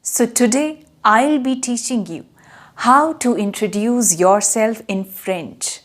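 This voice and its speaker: A young woman teaching a beginner French lesson, repeating and spelling out each phrase patiently. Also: fairly high pitch. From India. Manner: repeats words slowly, spells them out. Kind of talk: slow, patient language lesson.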